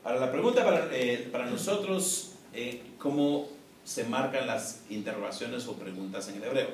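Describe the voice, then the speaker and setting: Professor lecturing in an echoey classroom. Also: male voice, mid-range voice. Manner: measured, explanatory, frequent "eh" and "¿no?" tags. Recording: echoey room, distant mic, faint noise.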